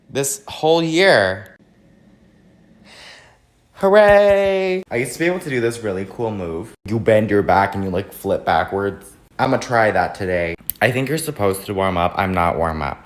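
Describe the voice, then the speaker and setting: A young man doing sassy, blunt, profane comedy monologues to camera. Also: mid-range voice. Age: young adult. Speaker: comedic content creator.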